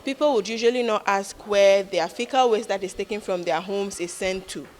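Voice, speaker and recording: A woman's voice: mid-range voice, normal speed. A woman speaking in an interview as a company communications manager. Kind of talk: interview statement. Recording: faint background noise.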